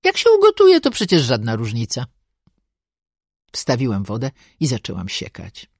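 A woman's voice: extremely low pitch, wildly swooping pitch, normal speed, a little mellow, husky, no echo. A woman narrating a first-person audiobook with a sardonic, bossy and dryly comic manner, close to the mic.

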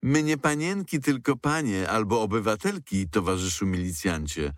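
A man voicing a sharp-tongued young woman who answers with irony and anger. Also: fairly low pitch, expressive, normal speed, no echo, studio quality, pitched above the performer's own voice. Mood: defiant. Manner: ironic, angry.

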